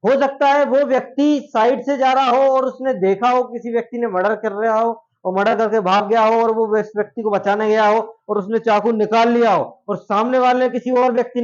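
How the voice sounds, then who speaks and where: High-voiced joking male law lecturer. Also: brisk. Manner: chatty, jokey, asks students questions. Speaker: law teacher. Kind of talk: classroom lecture. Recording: dull lo-fi classroom recording.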